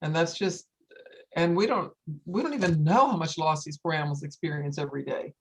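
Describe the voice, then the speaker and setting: Hosting a story time, an older woman who founded a wildlife sanctuary speaks earnestly and informally to her audience, repeating phrases to drive her points home. Her voice is low and she talks a little fast.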